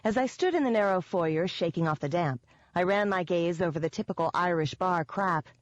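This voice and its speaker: A woman's voice: on the low side, fairly quick, no echo. Wry, sardonic woman narrator, first-person audiobook, dry and dull-sounding mic.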